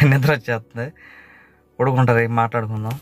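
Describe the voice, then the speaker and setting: A man's voice: medium pitch, steady tone, fast. A man chatting casually to his viewers in a vlog. He laughs often and keeps coming back to the same stock phrases. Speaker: vlogger. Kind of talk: casual travel vlog chat.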